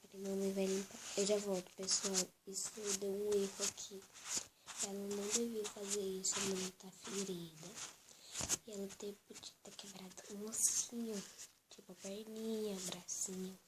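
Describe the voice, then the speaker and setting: A woman doing a doll role-play vlog as a mother, speaking softly and often in a whisper. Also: medium pitch, flat delivery, moderate pace, very noisy. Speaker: vlogger.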